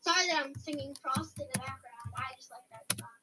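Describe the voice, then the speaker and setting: A young girl with a very high voice co-hosts a casual quiz podcast. She chats and reads questions aloud. The laptop mic adds faint noise and clicks. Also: brisk. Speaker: podcast co-host. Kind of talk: casual podcast chat, reading quizzes aloud.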